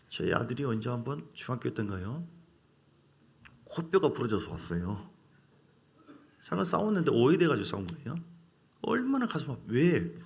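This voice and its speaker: A male pastor preaching a sermon emphatically, calling out questions for the congregation to answer. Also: medium pitch. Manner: emphatic, call-and-response with congregation.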